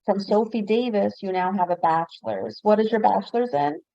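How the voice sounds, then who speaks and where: Gravelly-voiced woman hosting a webinar. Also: medium pitch, a little fast, dark tone, no echo, muffled recording. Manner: probing, recaps figures for the audience. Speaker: webinar host. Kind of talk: moderating a webinar interview.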